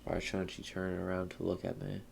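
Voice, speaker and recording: Young male gaming host, low and gravelly, reads visual novel lines with relaxed, muttered commentary. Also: brisk, a little hiss or hum. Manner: laid-back, mutters asides between read lines. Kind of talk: reading a visual novel aloud with casual commentary.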